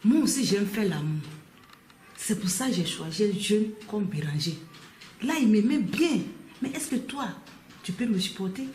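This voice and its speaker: An actress with an Ivorian French accent playing a pushy, excitable wife who protests loudly and insistently. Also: female voice, mid-range voice, a little hiss or hum, close to an everyday voice. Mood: indignant. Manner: insistent, loud and quick to protest. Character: pushy, excitable grown woman, lively and demanding. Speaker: wife brought to the police station. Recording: echoey room, distant mic, faint ambience.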